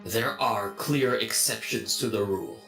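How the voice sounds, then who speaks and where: Man doing a stiff robot voice, gravelly and bright. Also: lowish voice, a little slow, roomy sound, soft background music, exaggerated voice. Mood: matter-of-fact. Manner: stiff, formal, monotone robot voice. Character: flat robotic male construct, literal-minded and cold. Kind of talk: playing a character in a tabletop game.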